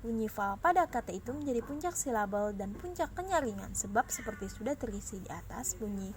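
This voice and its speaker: A woman's voice: on the high side, animated, fairly quick, a little hiss or hum. A young woman with an Indonesian accent, a student presenter reading lecture notes aloud carefully, with small slips and restarts. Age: young adult.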